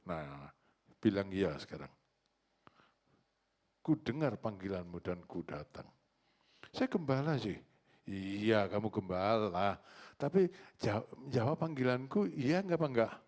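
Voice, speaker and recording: A male pastor preaching a sermon, asking the congregation questions and acting out little dialogues. His delivery swings between loud exclamations and hushed prayer. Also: mid-range voice.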